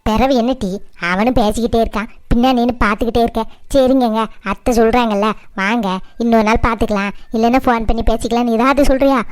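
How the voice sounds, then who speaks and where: A woman's voice: on the high side, fairly even intonation, fast talker, clean tone, dry recording, natural voice. A woman playing a scheming, middle-aged Tamil mother-in-law in a cartoon family drama, nagging and complaining in a southern Tamil Nadu accent. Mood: indignant, scolding.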